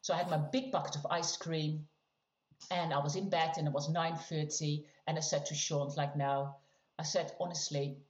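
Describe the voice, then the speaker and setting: A middle-aged woman from the Netherlands, telling a personal story as a podcast guest in an animated, laughing way. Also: low-pitched, moderate pace. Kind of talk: casual storytelling chat. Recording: roomy, slightly dull sound.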